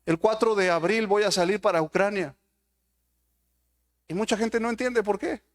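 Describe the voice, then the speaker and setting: Male preacher, high voice, sermon delivery built on rhetorical questions to the congregation. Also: normal speed. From Mexico.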